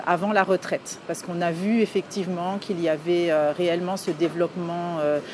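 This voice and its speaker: Hesitant woman in her forties, low voice. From France. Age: 40s. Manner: hesitant, many filler sounds and restarts. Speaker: interview guest. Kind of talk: casual interview answers. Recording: clear outdoor street noise behind.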